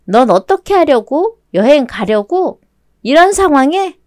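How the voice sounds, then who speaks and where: A woman's voice: high voice, sing-song, unhurried, darkish tone, no echo, clean studio sound. A woman playing an outraged, loyal girlfriend. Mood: indignant. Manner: indignant, emphatic. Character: sympathetic outspoken female friend in her thirties.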